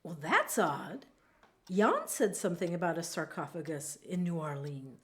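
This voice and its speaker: A woman's voice: on the low side, very animated, normal speed. An actress playing a sarcastic, confrontational young woman arguing with her mother in an audio drama. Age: young adult. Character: sharp-tongued grown daughter, Penelope.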